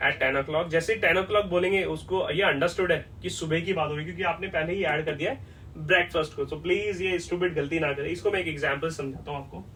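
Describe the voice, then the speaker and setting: A man teaching an English lesson at a whiteboard, explaining step by step and often checking whether it is clear. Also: on the high side, fairly even intonation, quick pace, a bit bright, far from the mic, a little hiss or hum, rough recording.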